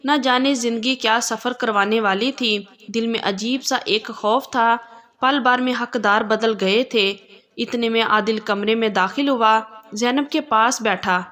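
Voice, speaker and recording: A woman storyteller reading a scripted domestic tale in a calm, even way. Her voice sits fairly high.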